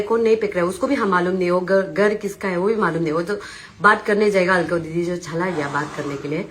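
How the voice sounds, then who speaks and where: A woman's voice: medium pitch, fairly bright tone. A young woman with an Arunachal Pradesh accent, giving an agitated, insistent eyewitness account to reporters and retelling the dispute with quoted dialogue.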